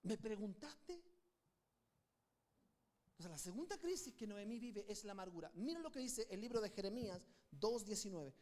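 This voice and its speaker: A man's voice: sits high, big pitch swings, brisk, a little mellow. Chilean male pastor preaching fervently. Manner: fervent preaching with call-and-response to the congregation. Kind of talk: sermon.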